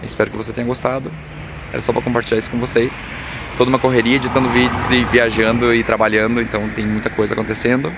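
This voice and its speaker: Out on a city street amid loud traffic and street noise, a Brazilian-accented travel vlogger rambles hesitantly to his viewers. His mid-range voice keeps a level tone, and he talks fast.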